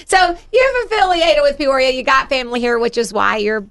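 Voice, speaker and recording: A woman radio host with an Alabama Southern accent speaks in a bright, fairly high voice. She runs an upbeat, motivational interview, introducing and prompting her guest. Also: fairly quick.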